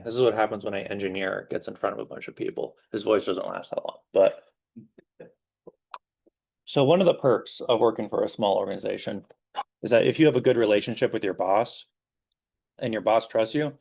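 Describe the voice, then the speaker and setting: This guest speaker, a young security engineer in his twenties, addresses a class informally in a lowish, creaky, slightly mellow voice. Filler words pile up as he rambles, and his voice is beginning to fade.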